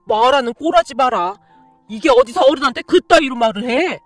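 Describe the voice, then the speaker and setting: A bullying middle-aged father hurls loud insults in a high, sharp voice, as a woman reads him out. He jabs every sentence with scorn, and soft music plays faintly beneath the storybook telling. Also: animated, a little fast, no room sound. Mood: angry yelling. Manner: shouting insults, jabbing accusations.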